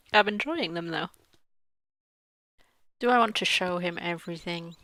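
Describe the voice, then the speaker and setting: A woman's voice: on the low side, slow, fairly bright tone, no room sound. A woman with a Welsh accent, joking through gameplay commentary as a streamer. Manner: chatty, joking.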